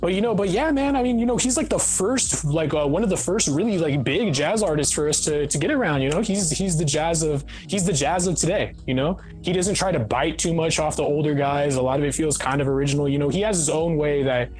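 Young man, twenties, casual rambling talk, somewhat high pitch, music behind. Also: a little fast, hardly any pauses, darkish tone. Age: 20s. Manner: rambling, repeats "what do you call it". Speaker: podcast guest. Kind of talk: casual chat.

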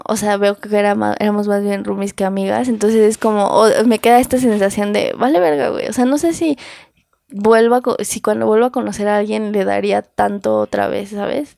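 A woman's voice: medium pitch, vocal fry, a little mellow, dry recording, clean studio sound. A young woman with a Mexican Spanish accent talking casually and candidly, full of slang and repeated words. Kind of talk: casual conversation.

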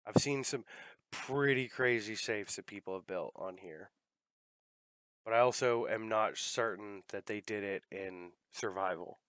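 Podcast host, low voice, dry close sound, casual and swearing. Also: male voice, measured pace, a bit bright, no room sound. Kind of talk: casual chat while gaming.

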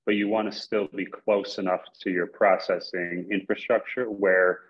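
A man from upstate New York, a guest on a podcast, explaining his business in a measured way over a remote call, leaning on "basically" and "you know". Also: deep voice, little pitch movement, husky, highs cut off. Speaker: guest, coffee company investor. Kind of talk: casual interview answers.

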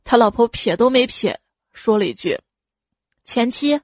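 A woman's voice: on the high side, lively intonation, moderate pace, background noise. A woman hosting a comedy podcast, reading listener jokes, acting out quoted lines and laughing at the punchlines.

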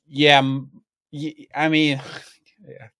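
A man speaks slowly and deliberately as he explains scripture in a relaxed talk. His pitch sits in the middle range and his pacing is measured. The recording is dry and close. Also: smooth, no echo. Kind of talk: casual theology discussion.

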